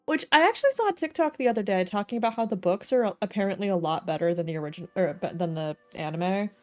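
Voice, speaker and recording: With game music playing behind her, a woman with an expressive, medium-pitched voice livestreams her gameplay at a fairly quick pace. Her commentary is casual and slangy, full of jokes and self-deprecation.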